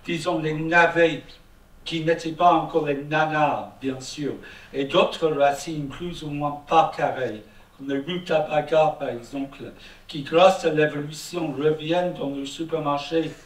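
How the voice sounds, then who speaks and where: A man with a British accent reads an ironic, slangy text aloud to an audience, unhurried and deliberate. His voice sits a little high for a man. It carries from some distance across an echoey hall. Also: steady tone. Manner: dry, ironic, slangy delivery. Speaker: speaker at an evening event. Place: event hall. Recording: echoey hall, mic from far off.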